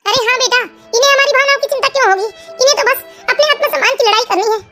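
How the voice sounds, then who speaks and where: A woman's voice: very high voice, fast, over music. A woman voicing a worried homely mother and wife in a cartoon family story, plaintive and complaining.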